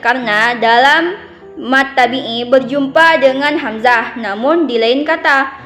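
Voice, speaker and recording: A young woman, a student, slowly explaining the rules of Quran recitation and correcting herself as she goes. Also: a little high, a bit bright, echoey room. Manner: careful explaining with self-corrections, melodic chanting in recitation. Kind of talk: Quran tajweed lesson with recitation.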